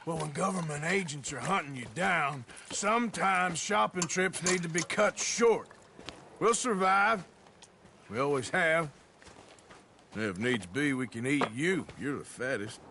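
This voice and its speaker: An actor playing a rugged, gruff outlaw gunman in a video game drama, with a dry, sarcastic manner. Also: on the high side, expressive, measured pace, noisy background. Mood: dry, sardonic.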